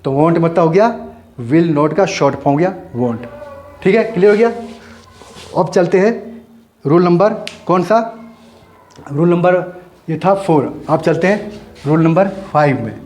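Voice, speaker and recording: A man's voice: a little high, unhurried, long pauses, a little mellow. A man teaching an English grammar lesson, explaining each rule step by step and repeating key points as he writes. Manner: repetitive, explains step by step while writing. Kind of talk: Hindi-medium grammar lesson.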